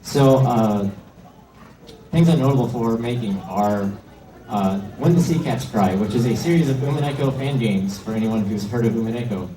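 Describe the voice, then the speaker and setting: Speaking at a moderate pace in a warm, medium-pitched voice, a man who makes indie games gives a casual, slightly halting slide talk on a convention panel. The indoor room is echoey, the mic distant, and the noise heavy.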